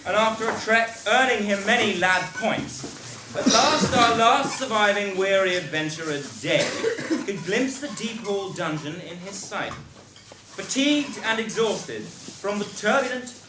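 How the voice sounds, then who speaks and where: A man's voice: sits high, expressive, a little slow. A man playing a pompous, sarcastic pantomime narrator, telling the story in a mock-grandiose way. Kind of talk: scripted stage pantomime narration. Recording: echoey noisy hall recording.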